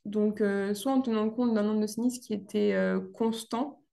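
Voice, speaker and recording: A young woman presenting her thesis, speaking in a hesitant way with many pauses and restarts. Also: mid-range voice, fairly even intonation, creaky, mellow.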